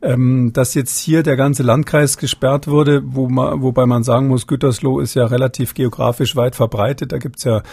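A man speaks as an interview guest, hesitant and full of fillers and restarts. His voice is gravelly, dark and a little husky. The sound is dry and close. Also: mid-range voice, little pitch movement, normal speed, hardly any pauses, no room sound. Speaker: expert guest. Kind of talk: interview answers.

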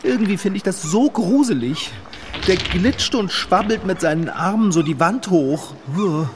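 Ein hoch und lebhaft klingender, ängstlicher Begleiter, gespielt von einem Mann in einem Hörspiel, der schnell erschrickt, bei leisem Rauschen. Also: male voice, high-pitched, lively intonation, unhurried, background noise. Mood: anxious. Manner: anxious, easily startled. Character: timid, jumpy male sidekick.

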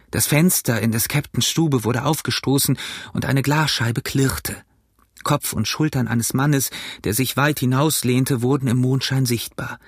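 A man reading an adventure novel aloud in steady, measured audiobook narration. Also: mid-range voice, gravelly, slightly rough, no room sound, clean studio sound.

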